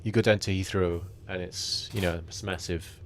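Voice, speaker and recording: Easygoing British man, very low voice, relaxed chat as a pilot guest, faint noise behind. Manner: easygoing, chatty, quick laughs. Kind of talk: casual chat.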